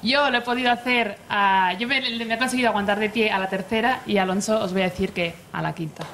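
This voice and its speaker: Female TV reporter, upbeat and quick, music behind. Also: medium pitch, a bit bright, slight background noise. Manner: upbeat, chatty. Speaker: TV reporter and co-host. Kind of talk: cheerful TV report. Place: TV studio. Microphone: handheld.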